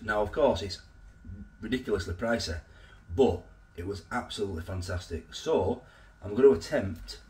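Male food vlogger, nasal with a cold, lowish voice, rambling chatty delivery, mic a bit distant. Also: a bit bright. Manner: chatty and rambling, with filler restarts. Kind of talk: casual food review vlog. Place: home kitchen.

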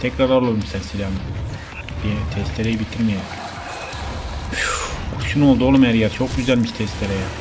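A man's voice: lowish voice, moderate pace, pauses often. A man commentating his own gameplay in a casual, grumbling way, cursing and getting easily frustrated as he plays. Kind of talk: casual let's play commentary. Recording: game music loud behind voice. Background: loud game music.

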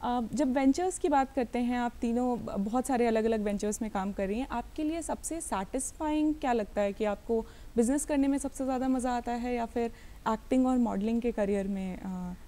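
A woman hosting a broadcast interview, asking long, measured questions. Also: fairly high pitch, warm tone. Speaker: TV interview host.

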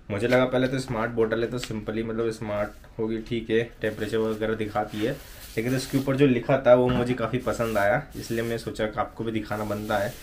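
A young male vlogger with a voice on the low side chats casually to camera, calling his viewers brother and friends. He starts outdoors by a road at dawn and later moves into a room indoors. There is slight background noise.

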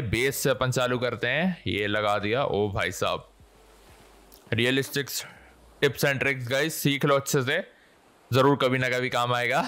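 A man hosting a gaming channel, giving excitable, playful commentary full of exclamations. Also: mid-range voice.

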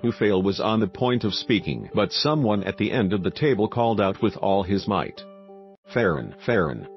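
A man giving a steady, scripted audiobook narration. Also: fairly low pitch, normal speed. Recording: dull recording with faint music.

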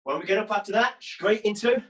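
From a small brick-walled gym, a karate instructor runs an online class, training alongside his students while barking drills, commands, and encouragement. His high voice is a little fast and fairly bright, though the audio is dull.

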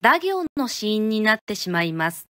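A woman from Japan teaching pronunciation, speaking clearly and deliberately and modeling each syllable one at a time. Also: mid-range voice, big pitch swings, a bit bright, no room sound, studio quality. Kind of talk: slow, careful teaching of pronunciation.

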